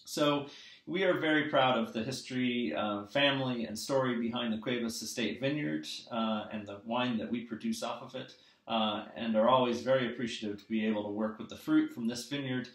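A middle-aged man speaking at a mid pitch, presenting his winery's wine in a measured way. He fills gaps with frequent "uh"s. The webcam recording sits in a roomy, echoey space at home. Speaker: winery owner and winemaker. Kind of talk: scripted wine presentation to camera. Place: small room at home, indoors. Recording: echoey room.

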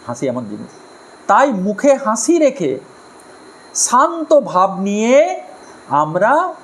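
Lively man giving a moral lecture. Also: high-pitched, rough recording. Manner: animated, asks rhetorical questions and acts out harsh and gentle tones. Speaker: spiritual speaker on family life. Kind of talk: moral lecture to a live audience.

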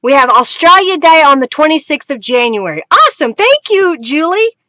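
Very animated and speaking at a normal speed, this crafting livestream host has a high, pushed, bright voice on a dry recording. She's a middle-aged woman from Oklahoma at her desk, chatty and giggly, thanking viewers and humming while she crafts.

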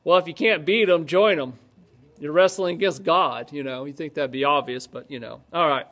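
Casual pastor, conversational teaching. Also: male voice, on the high side, moderate pace, a bit bright. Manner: conversational, joking asides, reads scripture aloud with rising emphasis. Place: office-like room with ceiling lights, indoors.

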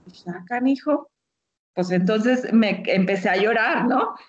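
A woman with a Mexican accent, giving a personal testimony as an interview guest, telling her story in an animated way and acting out what others said. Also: medium pitch, a little slow, highs cut off.

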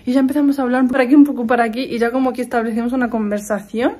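Young female vlogger, casual home chat to camera, rambling with restarts, slightly high voice. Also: steady tone, rapid-fire, mellow. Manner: chatty, rambling, frequent restarts.

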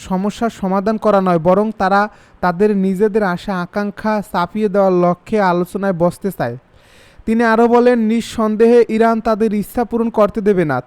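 A man reading international news bulletins in an even, formal scripted manner. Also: sits high, clear, resonant tone. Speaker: news reader.

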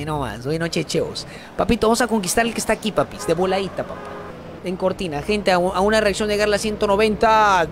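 A man's voice: a little high, slight background noise. A young Mexican man streaming a game live, slangy and upbeat, chatting with viewers as he plays. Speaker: gaming streamer. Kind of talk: live game commentary, reading chat.

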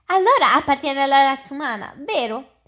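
A polite, nervous male faun speaks in a storybook reading, courteous and eager to please, a little flustered, voiced by a woman reader. The voice sits somewhat high. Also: very animated, brisk, fairly bright tone. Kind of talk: reading aloud.

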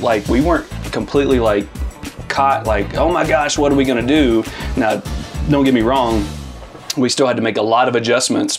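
A man who leads a church, chatting casually and reflecting earnestly in long, loose sentences, from Arizona. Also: medium pitch. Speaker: lead pastor. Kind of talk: casual interview chat.

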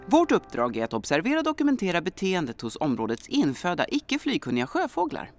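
A woman voicing a cheerful adult female professor who briefs her team in a dubbed cartoon, brisk and instructive. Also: fairly low pitch, huge pitch swings. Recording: music bed behind voice.

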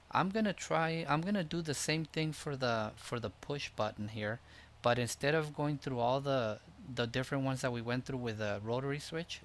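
A man hosting a screen-recorded tutorial, explaining each step in a relaxed way with frequent fillers. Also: medium pitch. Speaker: tutorial host.

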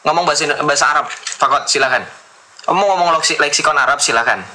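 Fast-talking combative man, bright. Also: fairly high pitch, a little hiss or hum. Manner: combative, lecturing, mocking. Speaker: debate host. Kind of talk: heated religious debate.

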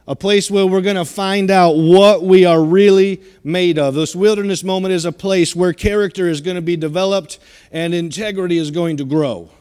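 A man's voice: sits high, steady tone, moderate pace, darkish tone, clear, resonant tone, in a large hall. A middle-aged man preaching a sermon in a church, emphatic and given to repeating his phrases as he exhorts the congregation. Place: church sanctuary.

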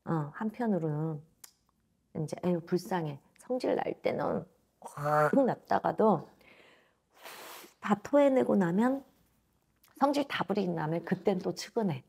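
A woman in her thirties tells a client's fortune in a blunt, emphatic manner, wearing a lapel mic in a small office indoors. Her fairly low voice is gravelly and husky yet a little mellow, with lively intonation, a slightly slow pace, and long pauses.

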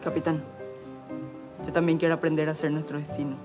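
Un actor haciendo de joven vigía ingenuo y curioso. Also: male voice, on the high side, little pitch movement, a little fast, music in the background, natural voice. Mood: eager. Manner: eager, wondering. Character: naive young lookout, unschooled.

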